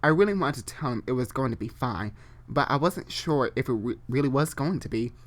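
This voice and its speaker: An online storyteller with lively intonation and a medium-pitched voice reads fan fiction aloud in a live session. Stumbles and repeated, corrected phrases make the reading halting, and chatty asides break it up.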